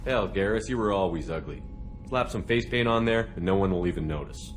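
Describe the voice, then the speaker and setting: A man's voice: sits low, expressive, fairly quick, faint music behind. An actor playing an assured, direct male military commander in a video game. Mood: teasing.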